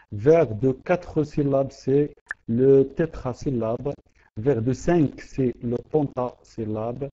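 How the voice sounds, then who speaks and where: A man's voice: medium pitch, mellow. A man teaching poetry in an online class, hesitant, often repeating words and saying euh. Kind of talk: online lesson. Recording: dull lo-fi audio.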